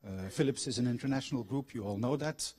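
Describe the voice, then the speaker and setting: Talking fast in a mid-range voice that is a little mellow and husky, a middle-aged man gives a public lecture in a university lecture hall. He is of Belgian origin, grew up abroad, and is a former factory manager and trained coach who tells personal anecdotes and asks his audience questions.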